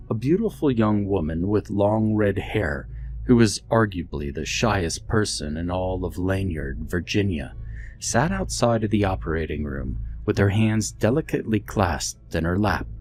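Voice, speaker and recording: A man reading a scripted horror story in a steady, measured storytelling voice. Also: low-pitched. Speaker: narrator. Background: faint background music.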